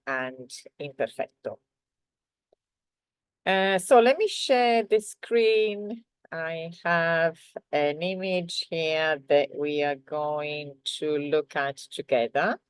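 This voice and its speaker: A native Italian speaker from Sardinia, this woman is a language teacher giving an online lesson with an Italian accent, hesitating often and using lots of fillers. Her voice sits low with a clean tone, and the recording is dry.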